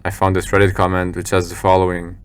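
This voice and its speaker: A man reading scripted narration for a scary video compilation in a measured, serious storytelling manner. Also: low voice, monotone, slight background noise.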